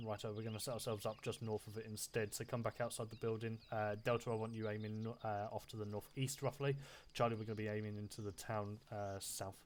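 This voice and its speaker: A man's voice: fairly low pitch, little pitch movement, fast. A man casually giving orders as squad leader in a military game, informal and sweary, over faintly noisy voice chat.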